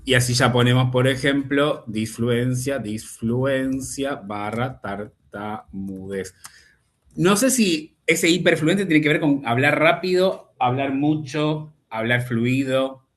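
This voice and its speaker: A man's voice: mid-range voice, slow pace. A man teaching a speech therapy class over a video call, explaining at length and often checking in with his students.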